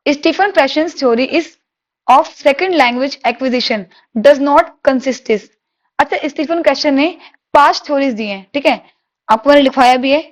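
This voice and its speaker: Woman teacher with a high voice, drills exam questions and answers them herself. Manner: reads English questions slowly, explains in Hindi with rhetorical questions. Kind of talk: exam-prep lecture.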